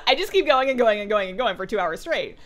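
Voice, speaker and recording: Chatty and casual, a woman streamer plays a game while talking with her viewers, reading out their questions and using lots of "like" and "um." Her medium-pitched, a bit bright voice swings widely in pitch at normal speed and sounds slightly worn after two hours.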